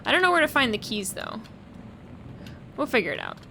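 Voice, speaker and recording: A woman's voice: on the high side, very animated, brisk, creaky, background noise. A young adult woman streamer giving casual, joking commentary while playing a game, giggly and swearing casually.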